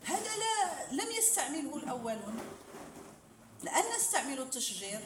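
A woman's voice: high-pitched, very animated, a little fast. A woman lecturer teaching a class, explaining with examples and asking rhetorical questions. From Morocco. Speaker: lecturer in hadith sciences. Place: lecture hall. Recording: roomy hall, voice from far off, faint noise.

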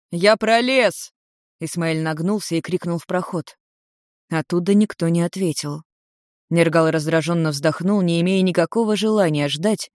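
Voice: mid-range voice, darkish tone, no echo, clean studio sound. A narrator reading a fantasy story aloud in an audiobook style.

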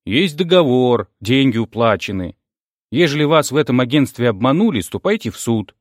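A man's voice: mid-range voice, very animated, normal speed, no echo, clean studio sound, lightly acted. A man reading an audiobook, voicing a stout, blunt middle-aged building manager who grumbles. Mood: gruff. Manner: gruff, unbothered and grumbling.

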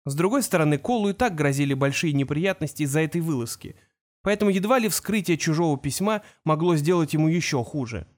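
A man narrating a fantasy novel aloud at a steady, measured pace. His voice sits somewhat higher than the usual male range. He reads calmly and evenly, as scripted storytelling. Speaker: audiobook narrator.

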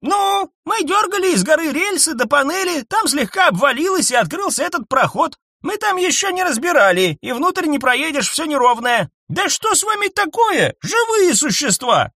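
A man doing Becky, a shrill robot cart. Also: very animated, moderate pace, hardly any pauses, no echo, studio quality, exaggerated voice. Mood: bewildered. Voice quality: raspy old speakers. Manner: shrill, scolding, shouting. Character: bossy old robot cart woman, irritable.

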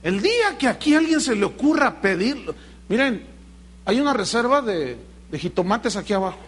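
Preacher, high tenor, animated sermon, plays out dialogues. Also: male voice, normal speed, a little hiss or hum. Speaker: pastor.

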